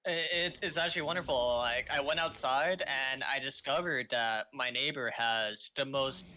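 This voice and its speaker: Bright-voiced joking male caster. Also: medium pitch, moderate pace, slight background noise. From Los Angeles. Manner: joking, rambling, repeats words when starting. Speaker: esports shoutcaster. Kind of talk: casual esports commentary.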